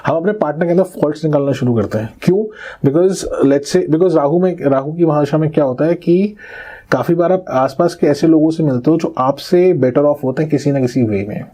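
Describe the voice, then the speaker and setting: A man talks as the astrologer guest on a podcast, laying out his points with examples. His voice is dark and mellow with a slight husk. He keeps checking that the listener is following. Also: on the high side, brisk. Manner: didactic, explains with examples and checks "ठीक है?". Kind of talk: explanatory podcast interview.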